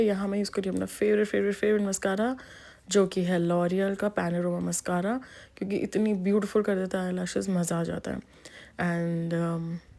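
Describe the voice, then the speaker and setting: A woman's voice: on the low side, vocal fry, warm tone. A woman with an Indian accent giving a makeup tutorial voice-over, switching freely between Hindi and English with frequent ums and restarts. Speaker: makeup artist.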